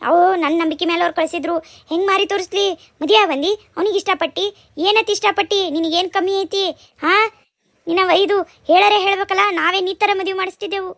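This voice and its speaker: A woman voicing a furious, scolding middle-aged aunt in a cartoon, speaking with a North Karnataka Kannada accent in a shrill, threatening way. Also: steady tone, normal speed, gravelly, a bit bright, no echo, heavily acted. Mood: angry scolding. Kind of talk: cartoon dubbing.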